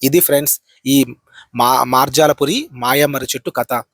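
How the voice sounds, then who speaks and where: A man's voice: mid-range voice, moderate pace, a bit bright, no room sound, clean studio sound. A man hosting a horror channel, telling a ghost story in a chatty spoken way, repeating phrases and tagging lines with a filler.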